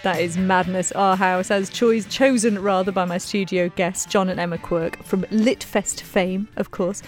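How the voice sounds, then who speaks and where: A woman's voice: medium pitch, steady tone, unhurried, faint music behind. A British woman hosting a chatty radio interview. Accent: British English. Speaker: radio host.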